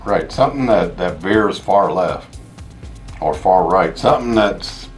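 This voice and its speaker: A man co-hosting a fragrance review, chatting casually and unscripted, as if thinking out loud. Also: sits low, animated, unhurried, faint music behind.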